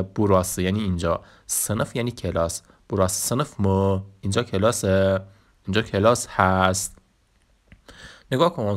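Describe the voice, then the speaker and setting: A man teaching a language lesson, patiently repeating example sounds slowly and clearly. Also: fairly low pitch.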